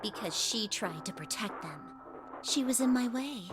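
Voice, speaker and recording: A woman reading a visual novel's dialogue aloud, voicing a calm, quiet and eerily cold young woman. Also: a little high, moderate pace, music in the background, close to an everyday voice.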